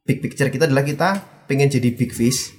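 A man's voice: medium pitch, fairly even intonation, quick pace, a little mellow. A man, chatting casually as a podcast co-host, animatedly retelling a story and mixing in English phrases.

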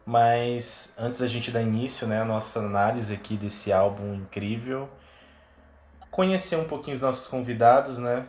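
A man's voice: medium pitch, moderate pace, a little mellow, a little hiss or hum. A man hosting a show in a casual, chatty way. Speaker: show host. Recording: roomy sound with music behind.

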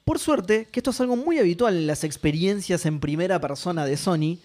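A young man with an Argentine accent chats about games on a podcast. His voice sits fairly high, and he talks in an animated way, full of swearing and laughter. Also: fairly quick. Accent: Argentine Spanish. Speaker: podcast co-host. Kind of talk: casual gaming chat.

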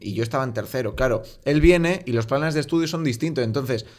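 A man, talking at an ordinary middle pitch. He tells anecdotes and lays out explanations in a relaxed chat with friends. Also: fast talker. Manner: storytelling, explanatory. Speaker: podcast co-host. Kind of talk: casual group chat.

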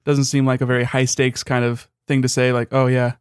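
A man's voice: mid-range voice, flat delivery, fairly quick, smooth, no echo. Easygoing wry young man, dry mic. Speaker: podcast co-host. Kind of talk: casual chat.

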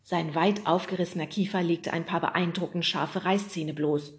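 A woman narrating a children's audiobook in a lively storytelling manner. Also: lowish voice, moderate pace. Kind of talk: scripted narration.

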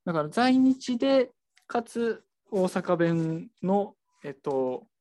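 Speaking slowly in a medium pitch, a bookshop employee gives a casual, animated chat while pointing out the shelves, wandering from point to point with plenty of fillers.

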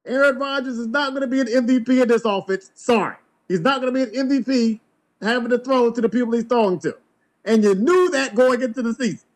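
A man hosting a sports podcast, giving blunt, emphatic opinions. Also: very high voice. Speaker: podcast host.

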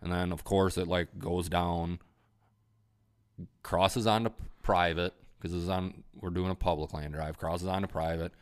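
A man with a very low voice spins a casual, rambling story, cursing freely and leaning on fillers as he goes. His delivery is loose and conversational. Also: steady tone, unhurried, clean tone. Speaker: podcast guest telling a hunting story.

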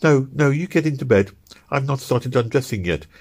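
A man voicing a brisk working-class wife who insists on fetching things herself, lifted in pitch. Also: lively intonation, a little mellow, lightly acted. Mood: insistent.

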